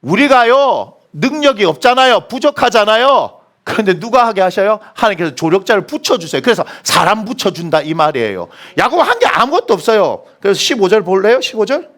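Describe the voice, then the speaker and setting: A male pastor preaching a sermon in a church, animated, asking the congregation questions and answering them himself. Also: high-pitched, fairly quick, few pauses. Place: church sanctuary.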